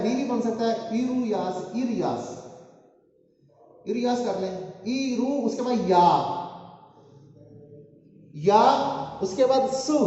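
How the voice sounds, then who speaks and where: High-voiced man teaching in an echoey hall. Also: dark tone. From Pakistan. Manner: patient and repetitive, asking the class quiz questions and answering them himself. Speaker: Japanese language teacher. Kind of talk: classroom-style lesson explaining how to write names. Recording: very echoey hall sound, dull lo-fi audio.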